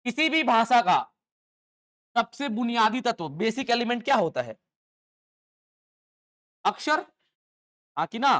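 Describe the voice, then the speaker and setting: A man's voice: very high voice, measured pace, long pauses. A man teaching English to exam aspirants in a live classroom lecture, constantly quizzing students with call-and-response questions. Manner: call-and-response questioning, lively rhetorical checks.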